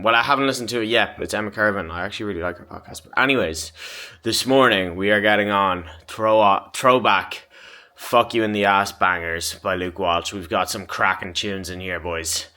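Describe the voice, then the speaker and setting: A young man talking casually to the camera as a fitness vlogger, chatty and excitable, swearing freely. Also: lowish voice, no room sound. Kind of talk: casual talk-to-camera vlog.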